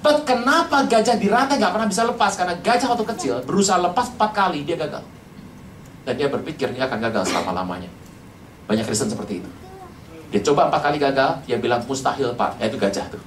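Animated preacher in a roomy hall. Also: mid-range voice, fast, a little hiss or hum. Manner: animated, rhetorical questions to the congregation, jokes. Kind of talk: lively humorous sermon. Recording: roomy, from a distance.

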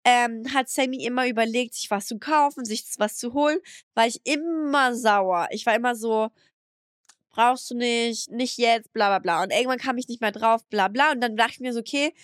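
A woman's voice: a little high, normal speed, clear, resonant tone, no echo, clean studio sound. A young woman co-hosting a podcast, chatting casually and telling stories with animation, acting out what others said. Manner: animated storytelling, acts out what people said. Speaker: podcast co-host. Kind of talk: casual chat.

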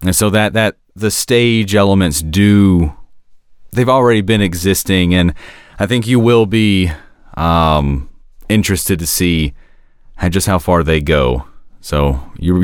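Deep, smooth-voiced man discussing a show. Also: a little slow, dry recording, clean studio sound. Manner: hesitant, searching for words, self-correcting. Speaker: podcast host discussing an animated series. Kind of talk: casual analytical discussion.

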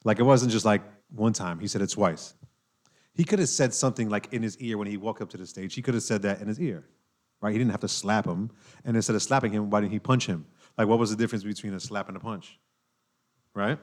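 Low-voiced man in casual podcast chat. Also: fast. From New York. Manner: animated, talks with hand-wavy fillers and repeats himself. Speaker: podcast host.

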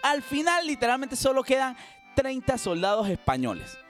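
A young man with a Panamanian Spanish accent tells a story in loose, slangy chat. His voice sits high and swings a lot in pitch, with faint music in the background. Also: moderate pace. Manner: animated, laughing, heavy slang and swearing, restarts. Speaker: podcast host telling a history story. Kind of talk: casual chat.

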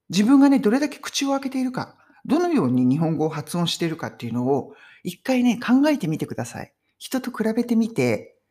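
A woman's voice: medium pitch, mellow. A middle-aged woman giving a casual English conversation lesson on video, talking in an emphatic, friendly teaching tone. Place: home in London.

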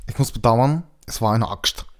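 A man's voice: medium pitch, moderate pace, lightly acted. A man playing a lazy, wisecracking male hunter who jokes and talks back flippantly in a hobby audio drama. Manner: flippant, joking.

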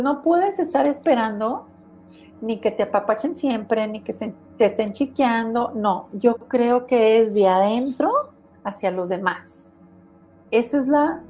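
A woman's voice: on the high side, darkish tone. A woman with a Mexican accent, a guest in an interview, telling her personal story in an earnest, reflective way with many fillers. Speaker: guest, cancer survivor and author.

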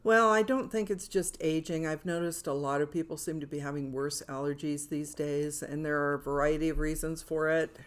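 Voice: mid-range voice, steady tone, normal speed, few pauses. A middle-aged writer co-hosting a podcast, chatting casually and tossing in dry quips. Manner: dry quips, finishes the co-host's sentences.

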